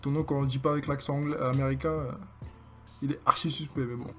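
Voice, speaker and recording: A young man with a French accent commentating his own basketball video game, excitable and joking as he hypes his plays. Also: medium pitch, fast, soft background music. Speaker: gaming streamer. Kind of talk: live gameplay commentary.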